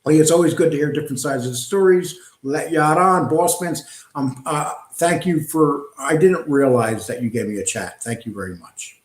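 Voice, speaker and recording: A middle-aged man talks loosely through a live stream, drifting between topics and filling pauses with ums. His voice sits a little high for a man. The room around him is echoey and hollow. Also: lively intonation. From New York. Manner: talkative, digressive, frequent ums and uhs. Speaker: host reading live chat. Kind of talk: casual live-stream chat.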